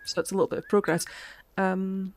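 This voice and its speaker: This woman streams games and comments in a relaxed, chatty way, dropping soft asides as she thinks aloud. A lingering cough interrupts her speech. Her pitch is medium, her tone level, and she speaks a little fast.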